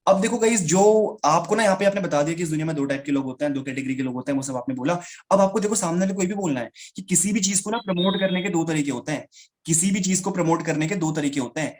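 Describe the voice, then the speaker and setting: Video call पर live sales training देता एक आदमी, जो श्रोताओं को "गाइस" और "भाई" कहकर बातचीत के अंदाज़ में समझाता है।. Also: male voice, on the high side, darkish tone. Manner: fast, chatty, addresses listeners as guys and brother. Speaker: sales trainer. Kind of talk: live online sales training. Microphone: video call.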